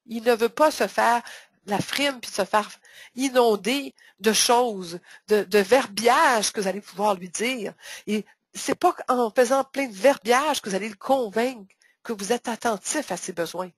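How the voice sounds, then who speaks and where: A woman with a Québécois accent leads a webinar for salespeople, leaning hard on key words and repeating them for emphasis. Her voice sits fairly high and has a breathy, husky edge. The sound is close and dry. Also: a little slow, no room sound. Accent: Québécois French. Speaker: sales trainer hosting a webinar. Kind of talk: webinar presentation.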